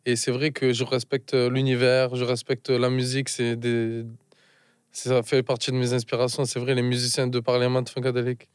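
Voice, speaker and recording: Man, Marseille accent, halting casual chat, mid pitch, dry close sound. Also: completely flat delivery, clean tone, no echo. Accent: southern French (Marseille). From Marseille, France. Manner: halting, searching for words, mixes in English. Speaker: musician guest.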